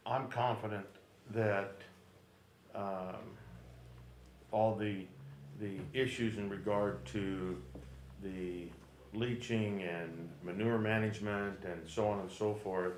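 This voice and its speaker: A board member speaks at a public meeting in a halting, measured way. He is a man with a fairly low voice and an unhurried pace. The room rings around him. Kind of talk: deliberate remarks at a public meeting. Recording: echoey meeting room, faint noise.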